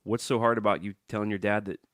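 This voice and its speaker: A man's voice: on the low side, steady tone, fast talker, no room sound, clean studio sound. A man co-hosting a podcast, blunt and opinionated, swearing freely in casual chat. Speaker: podcast co-host.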